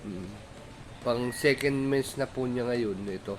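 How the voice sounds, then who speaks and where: A man filming his pet dog at home, gently coaxing it and chatting about its habits. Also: medium pitch, a little slow. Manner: soft coaxing talk to the dog, mixed with chatty explaining. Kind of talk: casual home vlog, talking to a dog. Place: home, indoors. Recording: noisy home recording with a dog.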